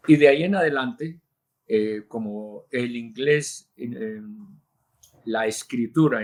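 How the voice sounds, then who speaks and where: A man, a linguist answering interview questions in a measured, teacherly way, with frequent hesitations. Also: mid-range voice. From Colombia. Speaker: linguist and journalist, interview guest.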